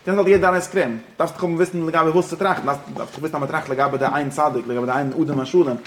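A man teaching a religious-philosophy lesson, talking rapidly and repeating himself, dropping English phrases into his explanations. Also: fairly high pitch, slight background noise. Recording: echoey room.

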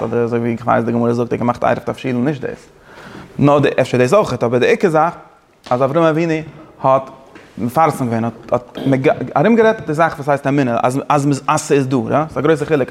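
Rapid gravelly man. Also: medium pitch. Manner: fast, halting, many restarts; mixes Yiddish, Hebrew and English phrases. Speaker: Torah teacher giving a class. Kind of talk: Talmud-style lecture.

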